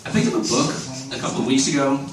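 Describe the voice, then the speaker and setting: Deadpan stand-up comic man, echoey club. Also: mid-range voice, quick pace. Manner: deadpan one-liners with chuckles. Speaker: stand-up comedian. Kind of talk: stand-up comedy set. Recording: echoey club audio from a distance. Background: audience laughter and room noise.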